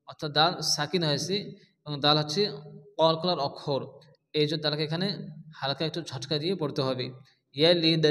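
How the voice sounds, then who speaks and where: Man teaching recitation, bright voice, echoey. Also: on the high side. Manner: asks and answers his own questions, repeats words slowly. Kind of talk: step-by-step recitation lesson.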